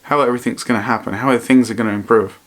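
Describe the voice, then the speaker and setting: A man vlogging in a reflective, personal way, speaking earnestly and haltingly and often repeating his phrases. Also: mid-range voice, fairly even intonation, fairly bright tone. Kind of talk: personal vlog to camera, reflective talk.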